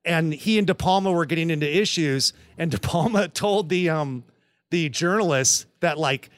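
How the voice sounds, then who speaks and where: A man co-hosting a podcast tells long, rambling anecdotes in an easygoing chat. His voice sits a little high for a man. The recording is dry and close, with no room sound. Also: normal speed, dry recording. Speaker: podcast co-host. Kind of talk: casual chat.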